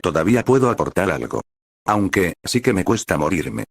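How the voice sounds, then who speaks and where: A man's voice: sits low, very animated, moderate pace, vocal fry, slightly rough, exaggerated voice. A man reading as a flustered older hero. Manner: flustered, sweating.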